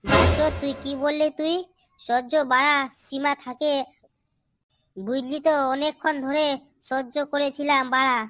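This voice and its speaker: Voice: sits high, steady tone, normal speed, long pauses, a bit bright. A performer voicing a hot-headed, swaggering young man in a comedy cartoon, foul-mouthed. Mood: angry.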